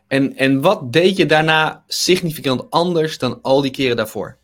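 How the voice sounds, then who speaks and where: A man's voice: a little high, moderate pace, a bit bright. A man hosting an interview, asking questions and reflectively summing up what his guest says. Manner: reflective, sums up the guest's points. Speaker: host.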